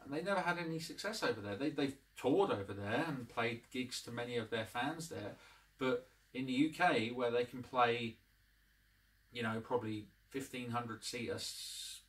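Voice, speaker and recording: A man's voice: medium pitch, normal speed, a bit bright, distant mic. Rambling man reviewing from his living room. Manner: rambling, many ums and restarts. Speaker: channel host, reviewer. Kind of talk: casual to-camera review. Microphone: camera across the room.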